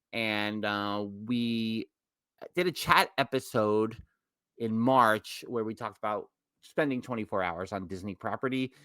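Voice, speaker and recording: A man's voice: fairly low pitch, fairly bright tone, no echo. Rambling middle-aged man with a New York accent. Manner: rambling, self-correcting storyteller. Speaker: podcast co-host. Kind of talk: casual podcast chat.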